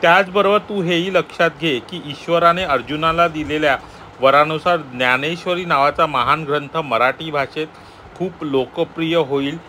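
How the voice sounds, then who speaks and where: A man comments on a sacred text in a patient, explanatory way. He reads a passage, then repeats and rephrases it. His voice sits a little high, and faint street traffic hums behind him. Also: moderate pace, bright, forceful tone. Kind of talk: devotional scripture commentary.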